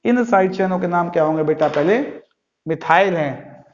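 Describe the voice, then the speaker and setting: A man's voice: high-pitched, moderate pace. A male chemistry teacher giving a classroom lecture, asking his students questions and answering them himself in a patient, drilling way. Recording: echoey, dull lo-fi recording.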